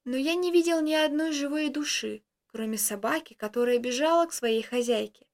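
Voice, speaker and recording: A woman reading a first-person story aloud in a steady, expressive way. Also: high voice, moderate pace.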